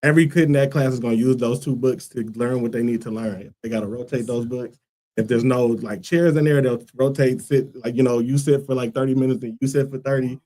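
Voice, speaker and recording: This guest, a Liberian school co-founder, offers casual talk show answers, thoughtful and sincere, leaning on "like" and "um". His voice is warm, mid-range and steady, and he speaks fairly quickly.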